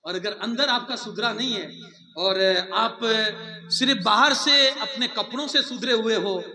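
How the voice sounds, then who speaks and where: A man from India giving a lively sermon to students, mixing laughing asides with raised, emphatic lines. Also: sits high. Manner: animated preaching with laughing asides, raising his voice for emphasis. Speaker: religious teacher.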